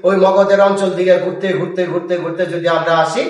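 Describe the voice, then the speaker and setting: A high-voiced man gives a lively grammar lesson and chants word lists in a slow rhythm. He is recorded from some distance in a strongly echoing room. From Bangladesh. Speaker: grammar teacher. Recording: echoey room, mic far off.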